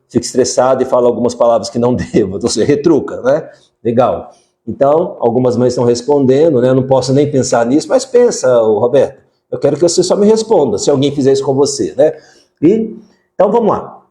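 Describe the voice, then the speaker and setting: A man's voice: mid-range voice, animated, quick pace, warm tone. A man, hosting a parenting live stream, talking casually and putting direct questions to the viewers. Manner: conversational, asks viewers direct questions, frequent fillers. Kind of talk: live-stream talk answering viewer comments.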